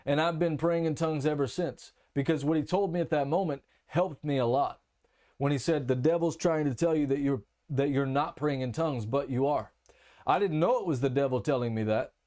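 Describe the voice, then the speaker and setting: A man's voice: on the high side, darkish tone. A man teaching a sermon and telling his own testimony in a candid, conversational way, with many restarts and fillers. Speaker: preacher.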